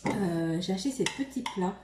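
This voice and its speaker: A woman's voice: medium pitch, expressive, moderate pace, noisy background. A woman vlogger chatting casually about a shopping haul, hesitant, with many fillers and restarts. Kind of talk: casual haul vlog chat. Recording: roomy echo, faint room ambience.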